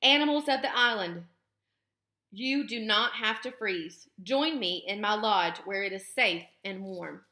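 Woman reading as a calm, gentle robot. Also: mid-range voice, a little slow. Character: calm, kind female robot. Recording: roomy echo.

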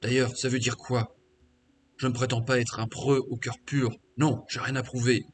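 A man reads game dialogue aloud as a bitter, defiant half-orc ex-slave who is a warrior mage, sounding crude, scornful and boastful. His voice is natural and medium-pitched, delivered flatly at normal speed.

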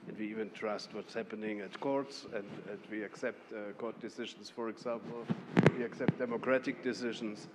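A man with a German accent talks on a panel in a calm, measured way. He breaks off now and then with a short laugh or a restart. His voice carries a long reverb from a large conference hall, with a faint murmur of ambience behind it. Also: on the low side, noisy background. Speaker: Member of the European Parliament. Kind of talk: panel discussion.

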